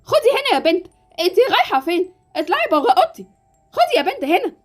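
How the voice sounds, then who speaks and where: A woman's voice: high voice, sing-song, a little fast, faint music behind. A woman voicing a scolding, easily scared stepmother in a Roblox series, with an Egyptian accent. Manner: scolding, shrieking.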